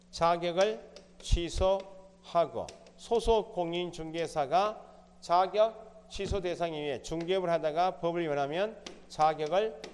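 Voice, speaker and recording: A man's voice: on the high side, long reverb tail, a little hiss or hum. A man teaching an exam prep lecture, asking the class questions and answering them himself. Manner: quizzing, asks and answers his own questions. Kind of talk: recorded lecture.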